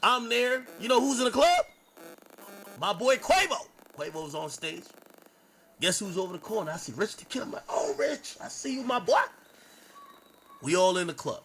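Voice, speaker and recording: A man's voice: high-pitched, normal speed, a little hiss or hum, low-quality recording. A man on a stream telling a long story in a casual, profane way, acting out what people said. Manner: animated, profane, acts out quotes.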